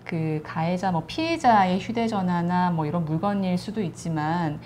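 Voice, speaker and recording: Low, mellow-voiced woman explaining law. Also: lively intonation, a little hiss or hum. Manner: measured, patient explainer. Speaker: lawyer guest. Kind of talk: explanatory legal commentary.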